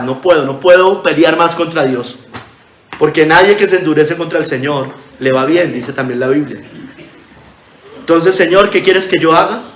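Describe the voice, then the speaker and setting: A man's voice: fairly high pitch, fairly bright tone, echoey room. A pastor preaching a sermon in earnest, reading scripture aloud and calling his listeners brothers.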